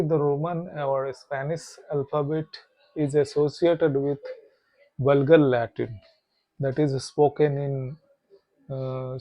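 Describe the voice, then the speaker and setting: A man's voice: a little high, darkish tone. A man teaching a language lesson in a casual, step-by-step way, mixing Hindi and English with many fillers. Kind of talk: casual lesson explaining pronunciation. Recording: slightly dull lo-fi audio.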